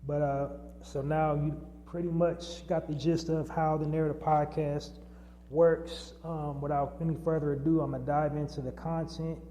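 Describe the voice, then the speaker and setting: A man with a warm, fairly high voice talks off the cuff on his own podcast, filling the solo monologue with fillers and restarts. The recording has long reverb and a faint hum.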